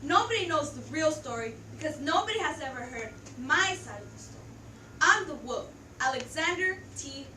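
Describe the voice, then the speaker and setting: A woman's voice: high voice, expressive, moderate pace, pushed and bright. A teenage girl playing an aggrieved, self-justifying wolf in an emphatic school reader's theatre performance. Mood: confiding, aggrieved. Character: Big bad wolf, aggrieved, self-justifying, chatty storybook villain. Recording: echoey room, distant mic, faint noise.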